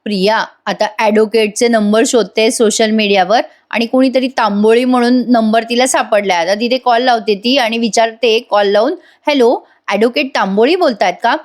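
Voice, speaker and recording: A woman's voice: on the high side, steady tone, normal speed, few pauses. Chatty woman recapping a serial. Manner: chatty, addressing viewers. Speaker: serial review narrator. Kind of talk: voice-over episode recap.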